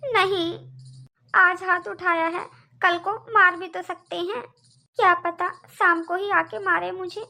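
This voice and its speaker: A woman's voice: very high-pitched, fairly even intonation, takes it slowly, creaky, pushed and bright, heavily acted. A woman voicing a quarrelsome young wife in a cartoon, complaining and arguing. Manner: complaining, argumentative. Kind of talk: cartoon voice acting.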